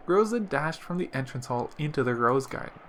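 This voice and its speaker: Male reader, higher voice, steady read-aloud narration, faint hiss. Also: fairly quick. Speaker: let's play narrator. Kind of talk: reading a visual novel aloud.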